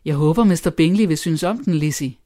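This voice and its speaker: A reader plays a dry, sarcastic gentleman father who teases his family in an even, level tone. Calm and measured, never raising his voice. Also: mid-range voice, close to an everyday voice. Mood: wry. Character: dry sarcastic middle-aged father and husband. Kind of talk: audiobook character voice.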